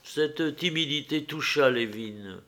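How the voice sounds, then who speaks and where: A man narrating a classic novel as an audiobook reader, in a measured, even reading. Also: fairly high pitch.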